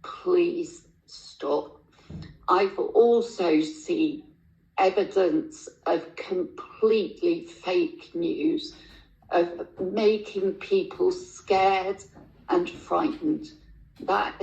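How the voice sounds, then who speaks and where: A woman speaking as a councillor at a formal meeting, halting and deliberate. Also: lowish voice, creaky, a little mellow. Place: indoor council meeting room. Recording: echoey meeting room, muffled lo-fi sound.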